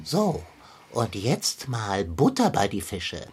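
A woman's voice: a bass voice, sing-song, takes it slowly, darkish tone, husky, exaggerated voice. A woman voicing a pompous, food-obsessed male tomcat in a children's series, speaking in stilted, formal phrases with a bossy, sly manner. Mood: scheming. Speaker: talking cat in a kids' series. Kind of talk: children's TV acting.

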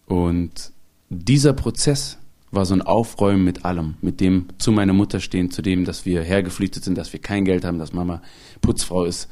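Male comedian, lower register, casual storyteller who voices the people he quotes. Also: normal speed. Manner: animated, acts out quoted people; laughs often while telling.

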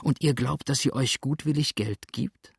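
A man's voice: mid-range voice, normal speed, creaky, husky, no room sound, clean studio sound. A man voicing a nervy fugitive in an audiobook, tense and brooding. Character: scheming, nervy adult male fugitive. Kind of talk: audiobook reading.

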